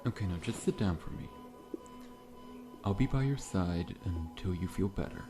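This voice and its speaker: In an ASMR roleplay with background music, a man plays a huge scorpion-man dentist who is friendly yet faintly menacing. He speaks gently, reassuringly, and with polite formality, in a low-sitting, expressive voice at normal speed, sounding attentive and amused.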